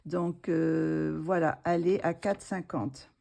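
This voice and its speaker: Casual vlogger woman, low mellow voice, hesitant delivery with lots of fillers. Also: fairly even intonation, slow, gravelly. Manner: hesitant, many fillers and restarts. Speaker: art supplies vlogger. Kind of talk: casual haul video.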